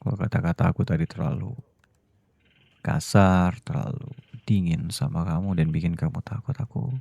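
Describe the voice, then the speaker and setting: A man playing a strict boss and loving husband in a whispered role-play, with a very low, gravelly voice. His tone is dark and husky, close and dry with no room sound. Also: moderate pace, dry recording, heavily acted. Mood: gentle pleading. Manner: cold and scolding, then soft and pleading. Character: stern boss who is a doting husband. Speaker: voice actor.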